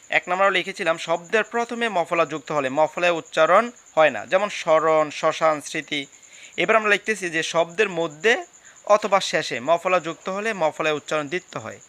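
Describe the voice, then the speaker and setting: A male teacher with a Bangladeshi Bengali accent explains a lesson to students, going over each rule twice and spelling out words. His voice is bright and fairly high for a man. The recording is dry and close, with no room sound. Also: no room sound. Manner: patient, repeats and spells out examples. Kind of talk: classroom lesson explaining rules.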